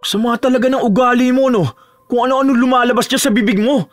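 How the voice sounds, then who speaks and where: Brief: actor voicing a young male student, high-pitched, respectful but hot-tempered. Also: a little fast, faint music behind, natural voice. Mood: indignant. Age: young adult. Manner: pleading, then indignant and cutting.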